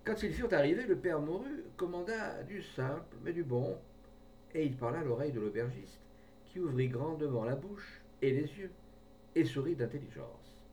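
A man reading a short story aloud in a measured way, recorded from a distance with a faint rumble behind. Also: expressive, a little mellow. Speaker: audiobook reader.

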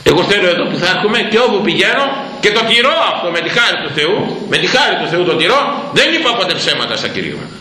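Older priest man giving a stern sermon, big swings in pitch, bright voice, faint hum. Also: big pitch swings, hardly any pauses, roomy sound, low-quality recording. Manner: stern, emphatic preaching with sudden rises. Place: church.

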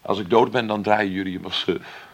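In a radio drama staged as an interview, a gravelly, husky male voice, lowish and steady, plays a celebrated, wry, self-made film maker aged 53. He sounds stubborn and defiant, speaking conversationally and haltingly with tag questions.

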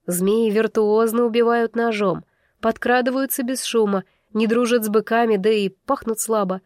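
A woman's voice: medium pitch, a little mellow, dry recording, studio quality. A woman narrating a fantasy audiobook in the first person, tense and inward.

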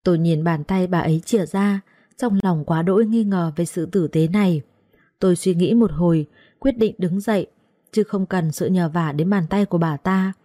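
A woman narrating a first-person story in a steady storytelling manner. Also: fairly low pitch, moderate pace, no room sound, studio quality.

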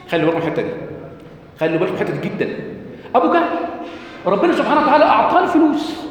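A man with an Egyptian accent giving an informal religious lecture, asking his listeners questions, answering them himself and reciting verses slowly. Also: high-pitched, slight background noise. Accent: Egyptian Arabic. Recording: echoey hall, heavy reverb.

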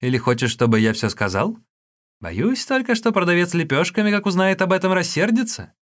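A quick-witted street boy who sells fruit, as a male narrator puts him on. He wheedles and shouts back cheekily, his voice pushed up high and full of jumps. It comes from an audiobook of a classic tale. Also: big pitch swings. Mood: shouting. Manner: wheedling and cheeky, then yelling. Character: cheeky street boy fruit seller, pleading then defiant.

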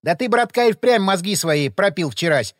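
Man doing a loud cursing hothead rider, high voice, really bouncy. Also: animated, normal speed, dry recording, clean studio sound. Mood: mocking. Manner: loud, brash, swearing. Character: gruff rough-talking male rider, quick-tempered.

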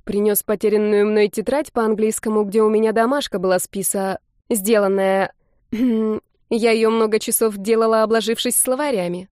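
A woman narrating a first-person novel aloud, giving the heroine's lines a playful, expressive delivery. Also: mid-range voice, no echo, studio quality. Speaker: audiobook narrator. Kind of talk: first-person novel reading with voiced dialogue.

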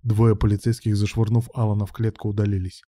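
Man narrating a story, dark dry voice. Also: fairly low pitch, little pitch movement, fast talker, no echo. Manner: dramatic reading, shouting quoted lines. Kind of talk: audiobook narration.

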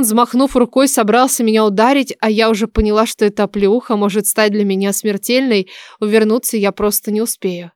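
Woman reading a fantasy audiobook, expressive storytelling, dry close sound. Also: medium pitch, no room sound. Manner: expressive, lively first-person storytelling. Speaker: audiobook narrator. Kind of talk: first-person fantasy audiobook narration.

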